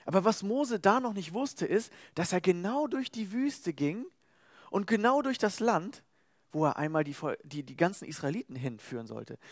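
A man preaching a casual sermon, retelling a Bible story in lively, colloquial words and briefly acting out the quoted voices. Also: high-pitched, dry recording, studio quality.

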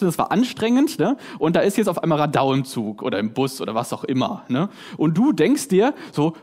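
Man, sermon, animated and fairly high voice, chatty delivery. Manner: lively, conversational, acts out voices in his examples; tag questions "ja?" and "ne?". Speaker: preacher.

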